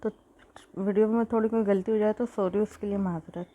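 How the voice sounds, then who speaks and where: Woman host, mellow tone, chatty home-kitchen cooking tutorial, recorded on a phone. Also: mid-range voice, steady tone, brisk, lo-fi sound. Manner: chatty, repeats "theek hai" often. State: sore throat, coughing.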